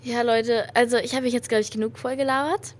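Giddy, gushing young German woman, higher-pitched. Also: brisk. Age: young adult. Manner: giddy, gushing, girlish excitement. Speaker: podcast host. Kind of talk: casual chatty pop-music podcast with youth slang and English phrases. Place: hotel lobby. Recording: clearly noisy room ambience.

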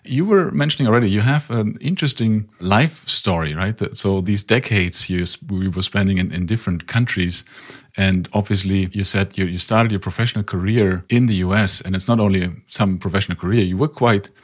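A man hosts an interview podcast in a very low voice with a husky edge. He asks his questions in a chatty, meandering way. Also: a little fast. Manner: chatty, with many restarts. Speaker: podcast host. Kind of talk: casual interview.

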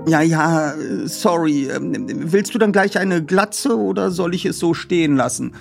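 A man's voice: fairly high pitch, measured pace, creaky, soft background music, pitched above the performer's own voice. A man voicing a nervous, clumsy teenage boy detective who stammers and gets flustered.

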